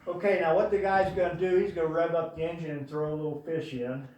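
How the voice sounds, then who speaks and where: A man's voice: a little high, steady tone, fast, darkish tone. Older man, eulogy, rambling fond stories, distant mic, very echoey room. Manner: rambling, fond storytelling with frequent fillers. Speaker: eulogy speaker. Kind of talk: storytelling at a memorial. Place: large room before an audience.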